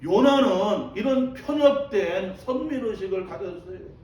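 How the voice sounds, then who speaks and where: A man's voice: sits high, lively intonation, a little slow, a little mellow. A male pastor preaching a sermon. He keeps calling out to the congregation and repeats his phrases for emphasis. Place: church sanctuary. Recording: echoey church from a distant mic.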